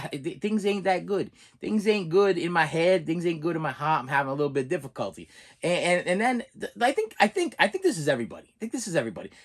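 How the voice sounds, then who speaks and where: A middle-aged man with a Boston accent and a slightly raised pitch rants casually. He talks in halting bursts, repeats words and phrases for emphasis, and keeps checking that he is being followed. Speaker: vlogger. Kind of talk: casual spoken rant to camera.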